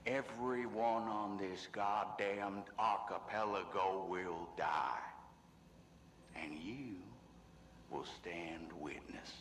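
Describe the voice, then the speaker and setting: An actor playing a menacing male villain in a video game, speaking in a slow, threatening way. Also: lowish voice, fairly even intonation, fairly bright tone. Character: menacing male villain vowing mass death. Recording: roomy echo, faint noise.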